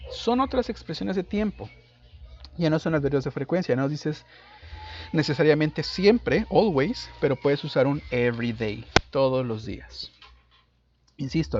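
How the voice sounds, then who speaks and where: A man with a medium-pitched, slightly mellow voice teaches an English lesson, going over grammar casually and switching between two languages. The audio is dull and lo-fi.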